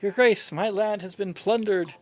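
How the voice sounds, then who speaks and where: A man's voice: high voice, normal speed, darkish tone, a little hiss or hum, lightly acted. A man voicing an aggrieved farmer earnestly petitioning a king in a fantasy game. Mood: indignant.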